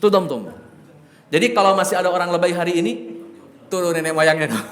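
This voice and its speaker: A lively preacher spins a story, joking and turning to his listeners often. His voice is high for a man. The recording carries the long, ringing echo of a large mosque hall. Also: fast. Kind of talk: sermon storytelling.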